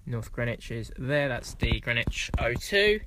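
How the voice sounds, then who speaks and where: A man's voice: mid-range voice, lively intonation, a little slow. A young man chatting casually to his phone as a vlogger, held at arm's length. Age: young adult. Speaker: vlogger, volunteer marathon marshal. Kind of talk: casual vlog chat. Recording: handheld phone, noisy street and traffic.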